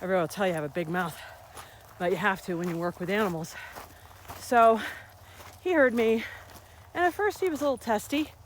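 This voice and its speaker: A woman in her fifties talks briskly at medium pitch, pausing often, with slight background noise. Walking a rural uphill trail as a vlogger and health coach, she's a little out of breath but chatty, telling animated stories with laughs.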